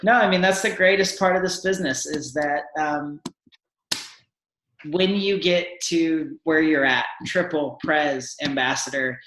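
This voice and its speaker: Bright-voiced male host in an echoey room. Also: a little high, measured pace. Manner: encouraging, rambling, restarts often. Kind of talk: hosting a live video panel.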